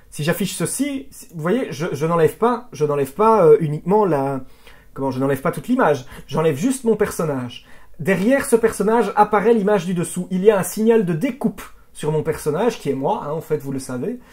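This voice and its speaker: A video editing instructor giving a software tutorial, chatty, asking rhetorical questions and often restarting words. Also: medium pitch. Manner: chatty, with frequent "hop", "voilà" and "hein" fillers; asks rhetorical questions and answers them.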